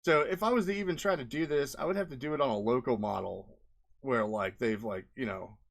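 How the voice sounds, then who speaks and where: Brisk and mid-range with noticeable vocal fry, a man presenting his indie game video rambles through unscripted, casual commentary. He keeps tagging on "like" and "right?", and a note of exasperation runs through it.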